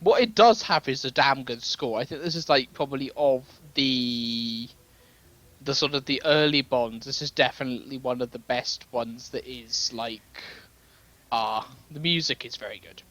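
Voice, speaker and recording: A man's voice: mid-range voice, normal speed, fairly bright tone. Wry, joking young man on a podcast. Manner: wry, joking, hedging with fillers. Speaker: podcast co-host. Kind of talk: casual film review chat.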